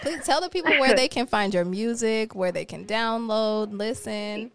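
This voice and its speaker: A woman hosting a podcast interview, relaxed and easygoing, asking friendly questions. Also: a little high, normal speed, slight background noise. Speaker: podcast host. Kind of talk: casual interview chat.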